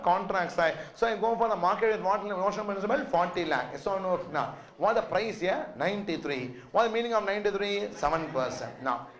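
A middle-aged man teaches in a South Indian accent, with a voice pitched high for a man. He drives the lecture forward with insistent short questions, often supplying the answers himself as he checks that students follow. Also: a bit bright. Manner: insistent, repeatedly asks and answers own questions. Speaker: finance lecturer. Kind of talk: classroom lecture with rapid-fire questions to students.

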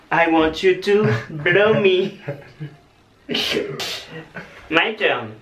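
A man in a bathtub playing a guessing game with a friend, teasing, loud and laughing often. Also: a little high, extremely slow, distant mic, noisy background. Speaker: vlogger playing a whisper game. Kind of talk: playful casual chat. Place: bathroom, in a bath. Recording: echoey bathroom, off mic.

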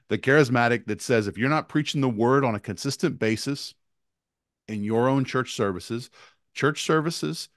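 A man's voice: mid-range voice, normal speed. A man co-hosting a casual talk about doctrine, speaking with emphatic stress that climbs as he runs through lists. His voice sits in an ordinary middle range, and it sounds dry and close to the mic with no room echo. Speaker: podcast co-host. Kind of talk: casual theological discussion.

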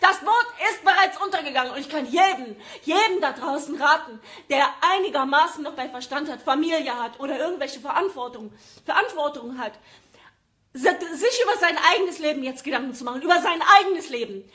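A woman's voice: sits high, expressive, fairly quick, a bit bright. A woman from Germany in an agitated live-stream rant to her viewers, repeating phrases for emphasis. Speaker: vlogger addressing viewers.

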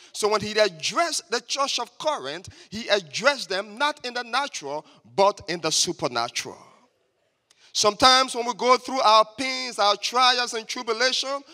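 Man preaching, high bright voice. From Liberia. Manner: emphatic, has the congregation repeat after him. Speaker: guest preacher. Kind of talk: church sermon. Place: church sanctuary. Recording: long church reverb.

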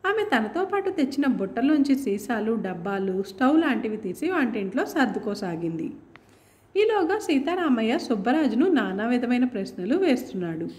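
A woman narrating a story with an expressive reading. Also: a little high, moderate pace, reverberant.

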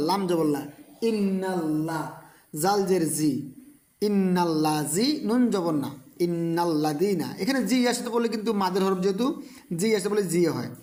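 A man's voice: high voice, a little mellow. A man teaching Quran reading, patiently spelling out each letter and vowel and then chanting the words melodically. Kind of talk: spelling out Quran recitation lesson.

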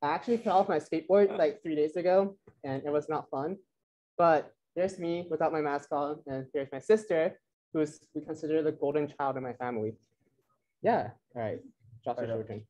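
A young man from Taiwan who grew up in Alabama, introducing himself to a student club in a friendly, relaxed way. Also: fairly high pitch, normal speed. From Taiwan, raised in Alabama. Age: young adult. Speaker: club officer. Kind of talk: casual self-introduction. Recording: dull lo-fi sound.

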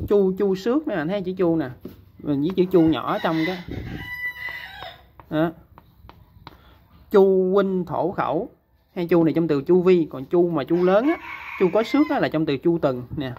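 With a high, slightly mellow voice and a Southern Vietnamese accent, a man teaches kanji step by step. He patiently checks in with his listeners as he explains, over a faint hiss or hum.

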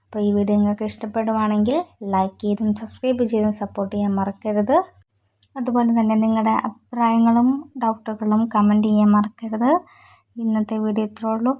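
A woman teaching German grammar rules in Malayalam, who spells out examples slowly and deliberately. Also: medium pitch, level tone. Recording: slightly dull lo-fi audio.

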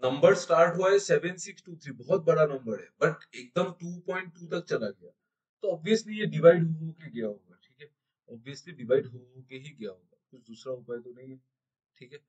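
A young male teacher with a slightly high voice runs an online exam-prep math class. He switches between Hindi and English, explains each step and keeps asking his students questions. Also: expressive, normal speed, darkish tone, highs cut off.

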